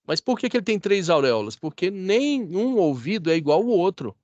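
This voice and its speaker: A man's voice: high voice, big pitch swings, a little fast, a little mellow, no room sound, lo-fi sound. A Brazilian man teaching a classroom lecture, chatty and often asking the class if they follow. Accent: Brazilian Portuguese. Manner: chatty, asks the class for agreement.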